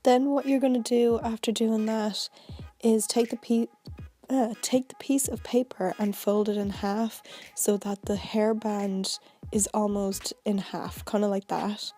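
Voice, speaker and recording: Woman talking through a tutorial, casual and chatty, medium pitch, soft music behind. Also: steady tone, unhurried. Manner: chatty, informal. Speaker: beauty vlogger.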